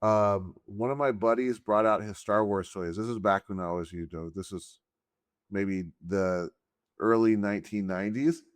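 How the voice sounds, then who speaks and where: A man's voice: fairly low pitch, steady tone, normal speed, clean tone, no room sound. A man in his forties co-hosting a casual movie review podcast, rambling and acting out lines from the films. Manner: rambling, quotes scenes in put-on voices. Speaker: podcast co-host.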